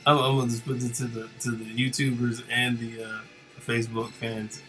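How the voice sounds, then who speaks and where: A man casually chatting with viewers of his live stream while he works, relaxed and rambling with lots of fillers. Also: mid-range voice, normal speed, soft background music.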